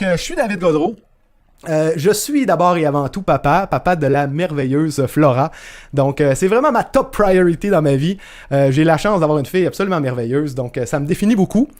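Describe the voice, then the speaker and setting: A man with a Québécois French accent leads a live online masterclass, his voice sitting a little high for a man. He talks in a loose, chatty way, with plenty of fillers and restarts, and greets viewers by name. The sound comes through a video call. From northern Quebec, Canada. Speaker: masterclass host. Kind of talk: live webinar presentation.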